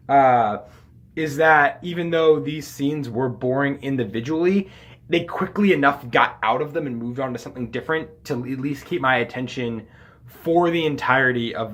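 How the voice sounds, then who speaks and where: A young man giving a loose, casual spoken review, full of fillers, swearing freely and dropping his voice low on asides. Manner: loose and rambling, many fillers, frequent swearing; pitch and loudness swing widely, drops low on asides. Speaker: anime reviewer.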